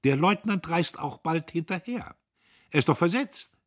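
A man's voice: medium pitch, sing-song, brisk, slightly rough, dry recording, studio quality, voice pushed up. A man voicing a spiteful young woman who gossips with triumph. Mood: triumphant.

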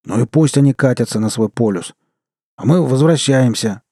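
A man voicing a rough, crude Siberian man in an audiobook, gruff and swearing. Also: mid-range voice, lively intonation, normal speed, mellow, dry recording, clean studio sound. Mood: mocking. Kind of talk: audiobook character reading.

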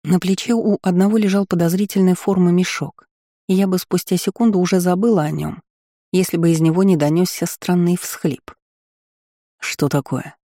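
Mellow-voiced male audiobook narrator. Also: high voice, fairly even intonation, brisk, no echo, clean studio sound. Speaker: audiobook reader. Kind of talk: scripted narration.

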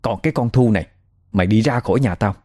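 A man voicing the angry spirit of a dead mother who speaks through a grandmother, scolding and shouting accusations. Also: on the low side, fast, lightly acted. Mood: commanding.

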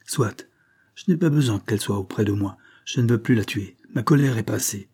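A man's voice: lowish voice, moderate pace, darkish tone, slightly rough. A man doing a big, hot-tempered convict. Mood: pleading, calmer.

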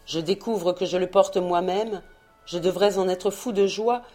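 A woman's voice: fairly low pitch, steady tone, measured pace, mellow, soft background music, natural voice. A woman voicing a young male sea captain, passionate and brooding, speaking with fervent tenderness. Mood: anguished.

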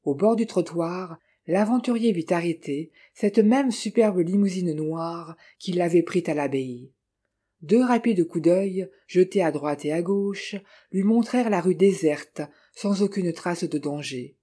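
An audiobook reader narrating a novel in a measured, even storytelling manner. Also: mid-range voice.

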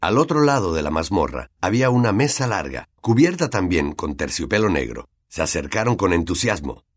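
Very expressive male storybook narrator. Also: low voice, fairly quick. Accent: Latin American Spanish. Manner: expressive, vivid. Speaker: audiobook narrator.

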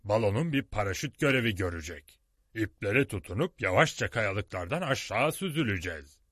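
A boastful old professor who booms his words out with a rather low voice that swings widely in pitch, as a storyteller puts him on. He sounds brusque and full of himself, a figure from an audiobook. The recording is dry and close. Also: lively intonation, moderate pace, fairly bright tone, breathy edge, no echo. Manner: booming, triumphant.

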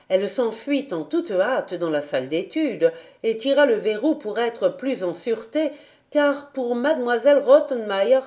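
A woman reading a children's novel aloud as an audiobook, in an expressive, measured way. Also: on the high side. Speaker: audiobook reader. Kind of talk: storybook narration.

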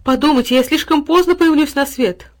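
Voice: sits high, fairly quick, voice pushed up, close to an everyday voice. A storyteller voicing a heartbroken little girl who pleads tearfully. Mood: pleading.

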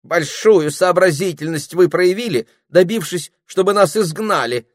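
A man's voice: big pitch swings, unhurried, dry recording, clean studio sound, full character voice. A man voicing a fussy, weepy female spider housekeeper who squeals and sulks, reading from a storybook. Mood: sniffy. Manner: shrill, squealing, sulky.

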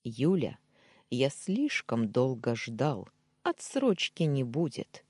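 A reader voicing a calm, possessive, domineering man in an audiobook, in a husky, soft-spoken way. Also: medium pitch, slow, no echo, clean studio sound, full character voice. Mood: insistent. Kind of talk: audiobook dialogue reading.

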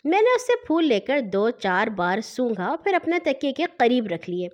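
Female children's storyteller, high voice, animated and expressive. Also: highs cut off.

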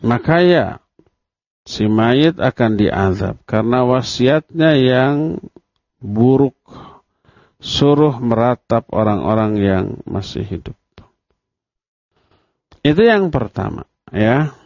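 In a dull, dry lo-fi recording with no room sound, a male Islamic preacher delivers a religious study lecture slowly and with long pauses, his mid-range voice darkish yet animated. He raises rhetorical questions and answers them, voicing the quoted words of the dead and their family.

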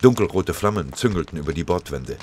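A man's voice: deep voice, expressive, fairly quick, noisy background. A man reading a war story aloud in a dramatic, vivid storytelling manner. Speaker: narrator. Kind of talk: scripted audiobook narration.

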